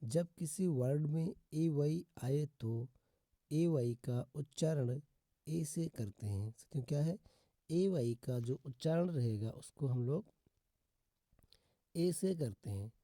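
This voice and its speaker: Slow, dark-voiced male tutor. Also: on the high side, expressive, no echo. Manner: slow, repetitive teaching with drawn-out example words; addresses viewers as "friends" repeatedly. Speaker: English pronunciation teacher. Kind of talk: Hindi-language phonics lesson.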